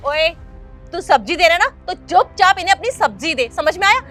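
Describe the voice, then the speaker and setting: A rude, snobbish middle-aged mother, played by a woman who talks down to everyone with mocking scorn. Her voice sits very high, and soft music plays under it. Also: very animated, a little fast, exaggerated voice. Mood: scornful. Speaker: actor in a comedy sketch.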